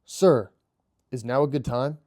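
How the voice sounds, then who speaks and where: A man's voice: medium pitch, unhurried, darkish tone, no room sound, studio quality, close to an everyday voice. A man reading the part of a deferential male robot crew member, hesitant as he reads aloud.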